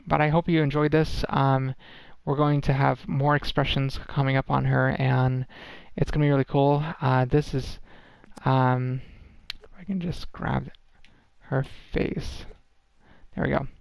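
A man's voice: mid-range voice, level tone, unhurried, creaky, clear, resonant tone, no room sound. A tired man giving a casual, rambling game development update, full of ums and restarts. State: tired, worn-out voice.

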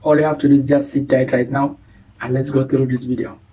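A man's voice: mid-range voice, little pitch movement, brisk, muffled recording, background noise. A young man from Uganda hosting a reaction video, chatting casually with slang, laughing, and saying "you know" and "bro" a lot. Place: small indoor studio room.

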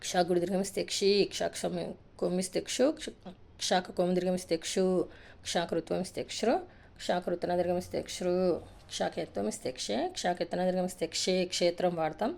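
Woman, teacher, quick sing-song drill recitation, mellow low voice. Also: steady tone, gravelly. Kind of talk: reciting a Telugu alphabet lesson.

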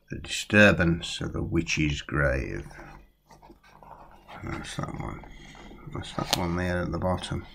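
An older man with a deep, gravelly, husky voice sits in a small room at home, reviewing a book for his vlog. He chats casually and reads passages aloud with a storyteller's relish, captured close-up on a webcam.

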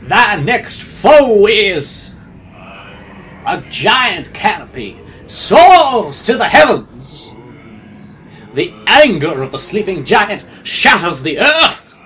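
A man putting on a slow, loud preacher voice as a solemn male game oracle. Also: high-pitched, sing-song, slight background noise, pitched above the performer's own voice, heavily acted.

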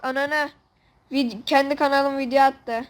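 High-voiced woman gamer, playful chatter. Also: normal speed. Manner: excitable, joking, swears playfully. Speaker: gamer host. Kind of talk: casual gameplay commentary.

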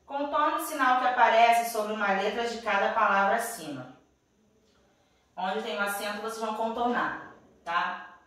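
A woman's voice: fairly high pitch, normal speed, a bit bright, very echoey, far from the mic, low-quality recording. A woman teacher with a Brazilian Portuguese accent reading a worksheet to young pupils, patiently checking in after each step. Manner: refers to herself as "tia [name]". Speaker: primary school teacher.

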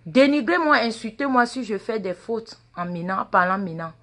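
A social media personality in her forties, a native Mina speaker with a Mina accent, delivers a live phone video monologue, holding the phone at arm's length in a large indoor waiting room. Her mid-range voice is expressive, a bit bright, at normal speed, as she lectures her followers passionately, repeating words and questions.

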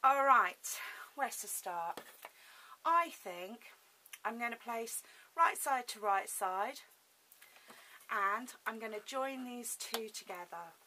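A woman's voice: on the high side, lively intonation, slow, pauses often, sharp tone, poor audio. A woman hosting a casual hands-on sewing tutorial, thinking aloud as she works, with toothless articulation, lips over her teeth. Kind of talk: casual hands-on craft demonstration. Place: indoors at a home sewing table. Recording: hissy home recording.

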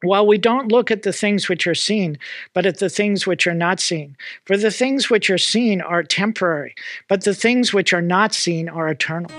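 Speaking at a moderate pace in a high, slightly bright voice, a middle-aged American pastor teaches Bible school students. He checks in with "okay?" and "amen?" after almost every point. He's in a small room decorated with a mantel, and there's no room sound.

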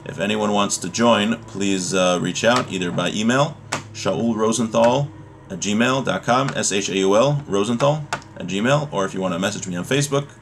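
A man in his thirties with a fairly low, gravelly voice gives an informal religious lesson at a moderate pace, reading from a text and hesitantly explaining it. He's a religious teacher in a small room at home, with slight background noise.

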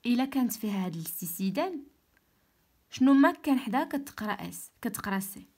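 A woman with a Moroccan Arabic accent giving an online French lesson. She repeats each word slowly and patiently explains how it sounds. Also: on the high side, very animated, darkish tone. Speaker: French teacher.

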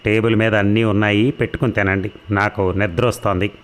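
A man's voice: lowish voice, level tone, brisk, natural voice. A man doing a haughty, domineering wife. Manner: haughty, drawling retorts. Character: proud domineering middle-aged wife.

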